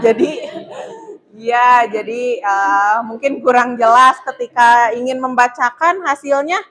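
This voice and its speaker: A woman teacher giving feedback to a student group in a classroom, talking hesitantly with many pauses. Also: fairly high pitch, fairly bright tone.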